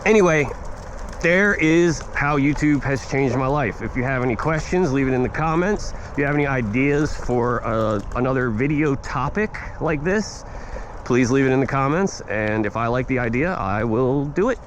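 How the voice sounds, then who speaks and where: A man's voice: medium pitch, animated, normal speed. A man chatting casually to his viewers in a laid-back, slangy, rambling way, recorded outdoors while riding a scooter. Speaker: vlogger and delivery gig worker. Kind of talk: casual vlog chat to viewers. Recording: outdoors on the move, clear road noise.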